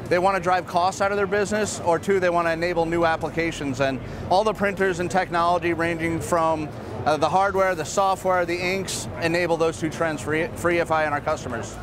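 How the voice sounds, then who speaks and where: A man in his fifties, a marketing executive, giving a brisk, upbeat walkthrough of machines at a busy trade fair, with frequent fillers. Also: a little high, fairly even intonation, crowd noise. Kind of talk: trade show product walkthrough. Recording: clear trade hall ambience behind.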